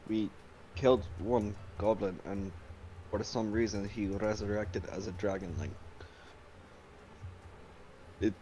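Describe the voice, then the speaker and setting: A man's voice: fairly low pitch, fairly even intonation, moderate pace, mellow, slight background noise. A man playing in a tabletop game, explaining earnestly and a little hesitantly, with keyboard typing behind him. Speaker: player. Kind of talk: casual role-play chat.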